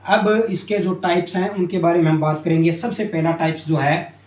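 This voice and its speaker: A man teaching a math lesson at a board, repeating key terms and often asking if it is clear. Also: a little high, fairly even intonation, brisk, a little mellow. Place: classroom with a board. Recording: echoey room.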